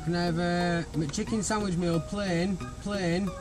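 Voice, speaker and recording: A man's voice: sits high, steady tone. Man ordering at a drive-through. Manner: casual, repeats items slowly and clearly for the speaker. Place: inside a car at a drive-through. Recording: loud music over the voice.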